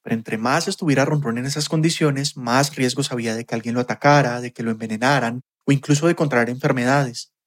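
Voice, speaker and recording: A man narrating a scripted documentary podcast in a measured, storytelling delivery. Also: medium pitch. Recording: faint music bed.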